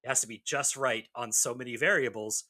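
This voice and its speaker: A man's voice: medium pitch, a little fast, sharp tone. A man co-hosting a podcast in casual chat, making wry jokes between fillers and restarts. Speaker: podcast co-host.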